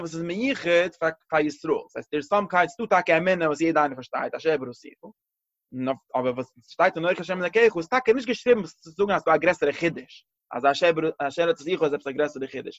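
A man teaching a Torah class in a slightly higher-than-usual voice, thinking aloud and restarting phrases as he explains. The sound is dry and close, with no room echo. The recording itself is a bit dull and muffled. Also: fairly bright tone. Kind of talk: religious class lecture.

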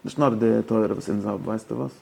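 Ein Mann hält einen lebhaften Lehrvortrag über religiöses Recht, mischt Deutsch, Englisch und Jiddisch und stellt seinen Zuhörern Fragen. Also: male voice, fairly low pitch, fairly even intonation, a little fast, creaky, warm tone, slightly rough. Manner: mixes German, English and Yiddish with rabbinic terms; poses questions to listeners. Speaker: teacher of religious law. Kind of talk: lively study-hall lecture.

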